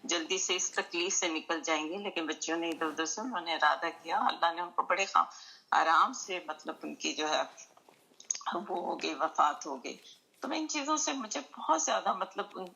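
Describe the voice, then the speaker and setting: A woman's voice: lowish voice, gravelly, pushed and bright, rough recording. A middle-aged woman oncologist speaking earnestly in a remembrance talk, mixing English phrases into her speech.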